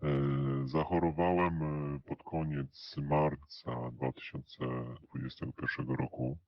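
Man with a deep pitch-shifted disguise. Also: flat delivery, no echo. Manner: hesitant, with many drawn-out "e" fillers. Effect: voice pitched down electronically to disguise it. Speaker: interview guest. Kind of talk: recorded interview answers. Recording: dull, muffled lo-fi audio.

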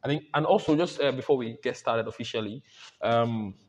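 A man's voice: mid-range voice, brisk. A man hosting a casual book club voice chat, rambling with frequent restarts and fillers. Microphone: home mic on voice call. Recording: lo-fi voice chat audio.

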